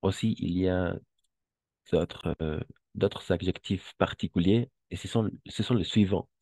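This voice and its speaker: A man's voice: low-pitched, steady tone, mellow, no echo. A man teaching French to a class, patient and repeating each word for the students. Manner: slow, patient, repeats words for drilling. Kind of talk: classroom lesson.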